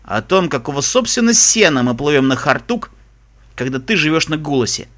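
Man doing a stallion spy, drowsy, ironic, teasing, bright tone. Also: on the high side, big pitch swings, moderate pace. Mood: sleepy.

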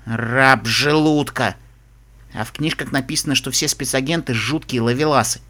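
A man reading an audiobook, voicing a sharp-tongued young unicorn mare who mocks and teases. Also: medium pitch, moderate pace, voice pushed down, natural voice. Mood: scolding. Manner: sarcastic, mocking.

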